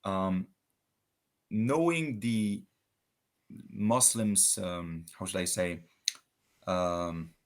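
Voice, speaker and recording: A deep-voiced Swiss man is a guest in a casual debate conversation. He speaks haltingly, hunting for words and restarting often.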